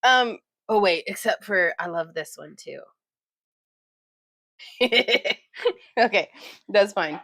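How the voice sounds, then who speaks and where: A woman's voice: medium pitch, lively intonation, slow pace, pauses often, a bit bright, no echo, poor audio. A woman hosting a craft vlog at home, chatting casually and laughing often. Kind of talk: casual chat.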